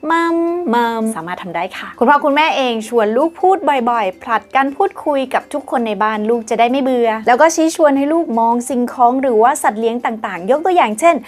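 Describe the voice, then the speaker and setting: A woman's voice: a little high, animated, quick pace, hardly any pauses. A woman nurse hosting a parenting lesson, explaining step by step how to help babies learn to talk, with polite, instructive phrasing and a short product read. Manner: polite, instructive, uses soothing baby-talk examples. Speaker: pediatric nurse host. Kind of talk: parenting tips with sponsored product reads.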